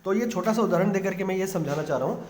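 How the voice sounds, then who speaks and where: A man's voice: high voice, a little mellow. Echoey male teacher explaining grammar. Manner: explains patiently in Hindi mixed with English, reads English lines slowly. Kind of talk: classroom grammar lesson. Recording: echoey room, faint ambient noise.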